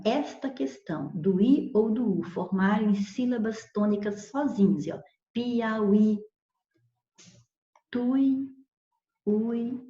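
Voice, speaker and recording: A woman's voice: medium pitch, warm tone. A woman teacher explaining spelling rules patiently, repeating examples and checking in with "ok?". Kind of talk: recorded grammar lesson. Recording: echoey room, dull lo-fi sound.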